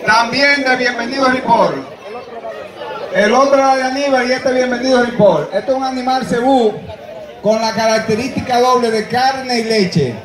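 A man with a Dominican Spanish accent working as a livestock auctioneer, loudly and insistently calling bids, repeating figures and urging buyers on. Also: extremely high pitch, moderate pace. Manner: loud, insistent, projecting to a crowd. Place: open-air livestock show ring among a crowd. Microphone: public-address microphone, picked up by a spectator's camera. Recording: echoing outdoor PA with crowd around.

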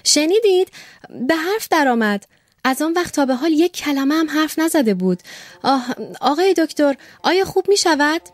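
A woman reading an audiobook, voicing an eager young male secretary who gushes with excitement. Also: fairly high pitch, no room sound, pitched above the performer's own voice, lightly acted. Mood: excited. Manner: gushing and breathless with joy.

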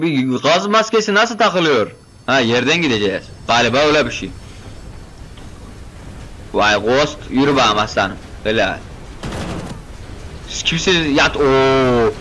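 A young man commentating his own game playthrough, joking, excitable and chatting to the characters on screen. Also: medium pitch, slight background noise. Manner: keeps saying "brother" as a filler. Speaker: gaming video host.

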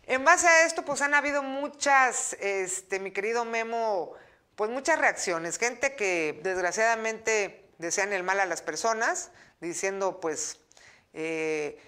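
A woman's voice: mid-range voice, fairly bright tone. Woman hosting a talk show. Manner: conversational, many fillers like "este" and "pues". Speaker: show host. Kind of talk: live talk show interview.

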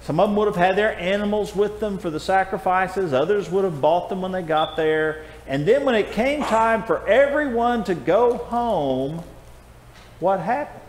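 An older man, high-pitched and expressive at a moderate pace, teaches children a Bible lesson and kindly prompts them by name. A distant camera in the church auditorium captures him, with hall echo and some faint noise.

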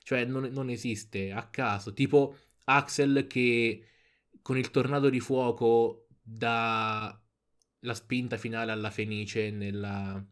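A man's voice: medium pitch, steady tone, slow pace, clean tone. A young adult man giving casual reaction commentary on a headset mic. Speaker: reaction video creator. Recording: video audio and music behind.

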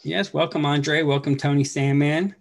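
A man's voice: a little high, steady tone, normal speed, creaky. A middle-aged man hosting a casual chat over a video call, talking in a laid-back, blunt way and swearing now and then. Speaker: host. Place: home room.

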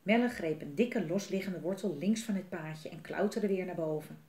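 A woman reading a children's book aloud in a lively, expressive way. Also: fairly low pitch, moderate pace, echoey room. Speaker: storyteller.

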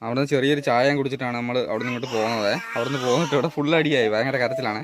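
A man's voice: mid-range voice, steady tone, racing, noisy background. A man talking casually to his vlog viewers at home, rambling and searching for words as he goes. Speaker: family vlogger. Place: at home, partly outdoors.

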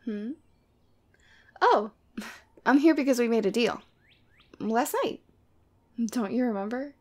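In a casual ASMR roleplay drama, a woman plays a sweet, clingy demon girlfriend who teases and cares. Her voice is a little high and slow, and her manner is casual, teasing, and playfully exasperated.

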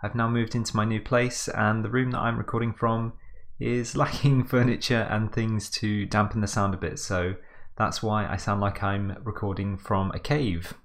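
A man's voice: lowish voice, flat delivery, normal speed. A man casually commenting on his gameplay in an upbeat, chatty way, recorded in an echoey, sparsely furnished room. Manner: upbeat, chatty, surprised laughs at drops. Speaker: gaming channel host.

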